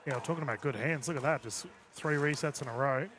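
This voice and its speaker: A man doing live sports commentary, calling the play in brisk short bursts. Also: medium pitch, fairly bright tone, slight background noise.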